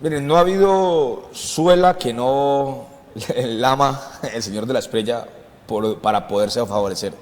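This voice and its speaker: A man's voice: mid-range voice, a little slow, darkish tone. A Colombian man in a political talk show discussion, speaking with passion and hammering his points through repetition. His voice sits in the middle range. The sound carries a long hall reverb. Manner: impassioned, emphatic, repeats phrases for stress. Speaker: political commentator.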